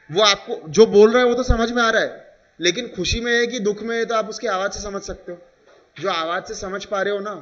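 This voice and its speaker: A man with an Indian accent teaches a class in a high voice, explaining with examples and checking often that his students follow. The recording is dull and lo-fi. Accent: Indian English. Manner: explains with examples, asks "ठीक है?" again and again. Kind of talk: classroom lecture.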